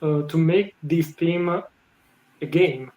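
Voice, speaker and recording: A woman co-moderating an online panel who speaks haltingly, with many fillers. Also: low voice, dark tone, slight background noise. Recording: echoey room.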